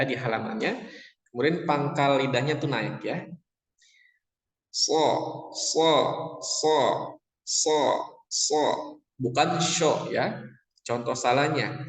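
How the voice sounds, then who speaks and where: A man teaching Quran recitation, patiently repeating syllables and chanting verses to show correct pronunciation. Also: mid-range voice. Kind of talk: tajwid lesson with chanted demonstrations. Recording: echoey room with long reverb.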